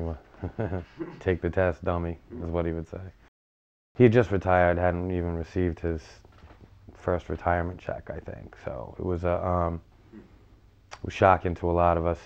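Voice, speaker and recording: A man from the United States, a firefighter, telling personal memories in a halting, plain-spoken, reflective interview style. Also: low voice, a little mellow, clean tone, lo-fi sound.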